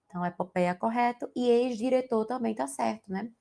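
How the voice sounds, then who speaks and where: Gravelly-voiced woman teaching grammar. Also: a little high, fairly quick, dark tone. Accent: Brazilian Portuguese. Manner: explanatory, asks the class to check in with tag questions. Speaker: Portuguese teacher. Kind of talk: exam-prep grammar lesson.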